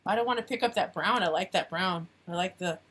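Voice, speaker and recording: A woman's voice: fairly low pitch, brisk, a bit bright. Chatty woman live-streaming her crafting. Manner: chatty, thinks aloud, trails off mid-sentence. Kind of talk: casual live-stream chat while crafting.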